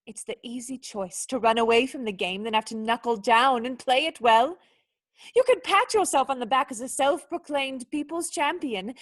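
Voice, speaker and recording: Actress as high-voiced, proud Maid Marian, scolding. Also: female voice. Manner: indignant, articulate, cutting. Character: proud, scolding young noblewoman, sharp-tongued and wounded. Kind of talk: radio play acting.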